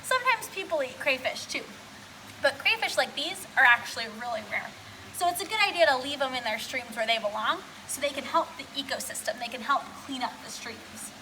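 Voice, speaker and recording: Cheery, high-voiced woman zookeeper. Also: lively intonation, fairly quick, pushed and bright, a little hiss or hum, poor audio. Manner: cheery, friendly explainer. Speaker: zookeeper and educator hosting an animal talk. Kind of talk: educational presentation for children. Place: indoors beside an aquarium tank at a science center.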